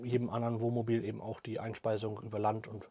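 A man, explaining the camper cabin he builds in a quick, matter-of-fact way, often adding a questioning "ne?" and letting his sentences trail off quietly. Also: fairly low pitch, level tone, breathy edge. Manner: fast, trailing off at sentence ends, frequent tag "ne?". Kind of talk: explaining a product in an interview. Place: inside a small pickup camper cabin.

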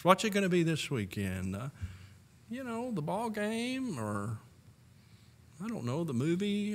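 A man in his sixties preaching a sermon from the pulpit of a church, earnest and full of rhetorical questions, often breaking into soft laughs. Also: fairly low pitch. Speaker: pastor. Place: church sanctuary. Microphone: pulpit microphone on a stand. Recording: long church hall reverb.

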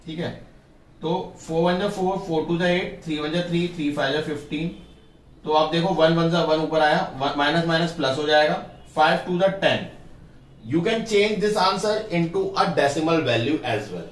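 A man's voice: on the high side, unhurried, far from the mic. A man teaching math in a casual classroom style, talking through each step of the working and checking that pupils follow. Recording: roomy, from off the mic.

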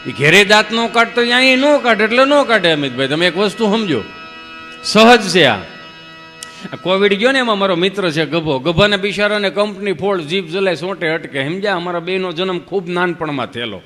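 Bright high-voiced stage comedian. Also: male voice, lively intonation, fairly quick. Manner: rambling anecdotes with moral asides. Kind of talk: live folk comedy storytelling. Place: live stage show. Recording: reverberant live stage sound with faint music.

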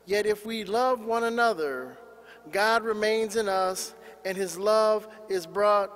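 A man reading the gospel aloud at mass in a measured, solemn way, his voice carried by a cathedral echo. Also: sits high, a bit bright. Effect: cathedral echo, long church reverb. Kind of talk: liturgical scripture reading. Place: large church. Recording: long reverb in a large church.

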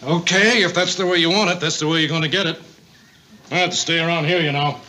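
A man's voice: on the high side, fairly even intonation, quick pace, sharp tone. An actor in his fifties playing a vain, childish, needy boyfriend in a 1970s sitcom, theatrical and blustering. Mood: blustering, proud. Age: 50s. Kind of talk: 1970s multi-camera sitcom acting. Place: TV studio set, indoors. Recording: noisy vintage TV studio soundtrack.

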